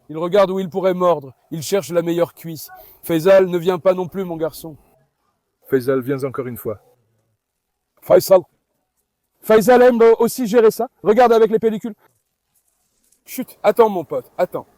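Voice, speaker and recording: On his farm, a man with a high, mellow voice vlogs casually, chatting to viewers while calling and coaxing his dogs. The recording is dry and clean, like studio sound.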